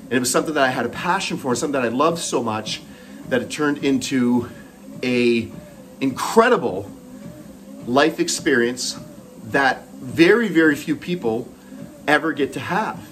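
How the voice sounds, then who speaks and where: A man's voice: medium pitch, expressive, normal speed, fairly bright tone, faint music behind, poor audio. Canadian man talking while running on a treadmill. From Moncton, New Brunswick, Canada. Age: middle-aged. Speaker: host. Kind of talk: personal storytelling monologue.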